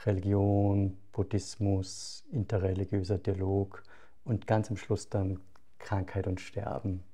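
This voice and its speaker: A middle-aged man hosting a podcast interview, speaking in a relaxed, low-key way as he introduces his guest. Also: measured pace. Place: temple hall with a Buddha shrine.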